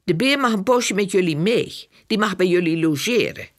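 A woman voicing Jip, a lively little boy, in a loud bouncy childlike voice in a storybook reading. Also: medium pitch, normal speed, natural voice. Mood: eager.

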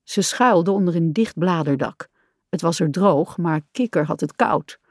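A woman reading a children's story aloud in a calm, even storytelling voice. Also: lowish voice, normal speed, dry recording, studio quality.

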